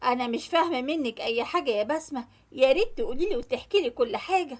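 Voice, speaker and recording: A woman's voice: sits high, animated, fast. A woman voicing a shocked young Egyptian friend. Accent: Egyptian Arabic. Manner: questioning.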